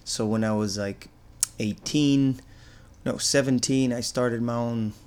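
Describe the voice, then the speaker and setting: A middle-aged man from Argentina, a business owner answering interview questions in a relaxed, rambling way with many fillers. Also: medium pitch, slow, clear, resonant tone.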